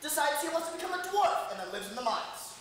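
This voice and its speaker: A woman's voice: sits high, sing-song, quick pace, a bit bright. A woman playing a matter-of-fact fairy tale narrator in a comic stage show. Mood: wry. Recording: echoey stage with faint noise.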